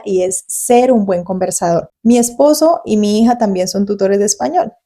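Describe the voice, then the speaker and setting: A Colombian woman in her forties talks straight to her viewers in a relaxed, quick flow, like a tutor sharing her experience. Her voice sits at a middling pitch and sounds warm and mellow rather than bright. She keeps an easy, conversational manner throughout. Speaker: Spanish tutor and channel host. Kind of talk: casual talk to camera.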